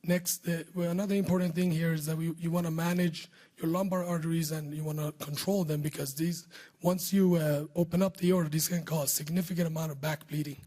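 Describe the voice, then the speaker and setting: A man with a hoarse voice that is giving out, speaking close to the microphone as he presents surgical research in a scripted talk. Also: a little high, little pitch movement, fairly quick, dark tone. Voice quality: husky voice giving out. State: hoarse, losing his voice. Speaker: surgeon presenting research at a medical conference. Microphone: speaking close to a podium microphone.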